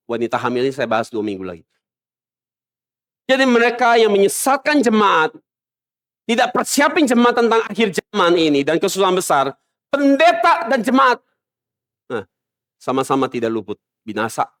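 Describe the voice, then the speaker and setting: A man's voice: very animated, moderate pace, pauses often. Emphatic preaching man. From Indonesia. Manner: emphatic preaching with sudden drops to a low murmur; mocks other preachers in a soft mimicking voice. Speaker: pastor. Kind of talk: sermon. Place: church.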